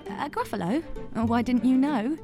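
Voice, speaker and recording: A woman's voice: high voice, lively intonation, normal speed, music in the background, voice pushed up. A woman doing a polite clever storybook mouse. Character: clever little brown mouse. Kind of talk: storybook reading.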